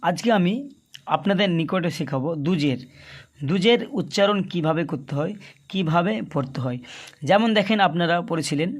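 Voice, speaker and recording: High-voiced man teaching Quran letters. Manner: patient, drills letters in a slow repeated chant; addresses viewers as dear friends, asks and answers their questions. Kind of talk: Quran reading lesson.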